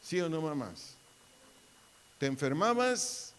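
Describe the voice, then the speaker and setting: A middle-aged pastor with a Mexican Spanish accent preaches a sermon in a church hall, his fairly high, smooth, slightly bright voice moving slowly with big pitch swings. He repeats his phrases and calls out to the sons and daughters, and the hall adds reverb.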